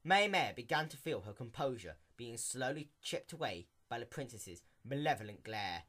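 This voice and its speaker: A man's voice: medium pitch, sing-song, normal speed, fairly bright tone. A man narrating a story as a dramatic reading, with a theatrical, emphatic delivery.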